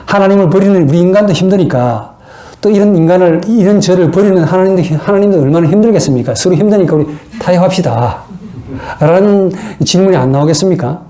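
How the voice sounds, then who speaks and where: A man's voice: sits high, dark tone. A man giving a theology lecture in an earnest, preacherly way, often putting rhetorical questions to his listeners.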